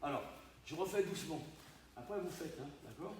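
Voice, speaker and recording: A karate instructor demonstrating moves to his students with a rather high voice, punctuating every point with an exclamation. He sounds far from the camera. The big training hall echoes heavily around him. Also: fairly quick, a little hiss or hum. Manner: animated, punctuates with "hein?" and sudden exclamations. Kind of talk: live dojo teaching demonstration. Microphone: distant camera mic.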